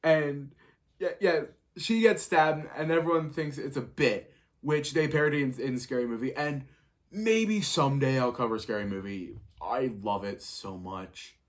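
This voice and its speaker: A man's voice: medium pitch, measured pace. A man hosting a podcast, reviewing a horror sequel on his own in a sarcastic, joking way and acting out audience reactions. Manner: animated and sarcastic, doing mock audience reactions. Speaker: podcast host. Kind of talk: solo movie review.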